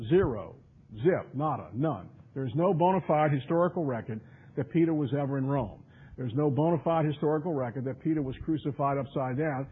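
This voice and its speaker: Husky-voiced preacher on a tinny radio broadcast. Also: male voice, fairly high pitch. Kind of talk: expository Bible study sermon.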